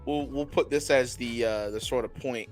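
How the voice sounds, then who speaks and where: A man's voice: mid-range voice, normal speed, soft background music. A man co-hosting an anime podcast, laid-back and laughing often, with casual swearing. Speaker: podcast co-host. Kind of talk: casual chat.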